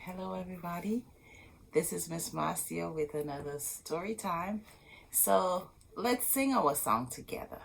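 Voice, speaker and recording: A woman hosting a children's storytime reads a storybook expressively, breaking off with asides spoken straight to her young listeners. Her voice is fairly low and creaky, her pace unhurried, with slight background noise.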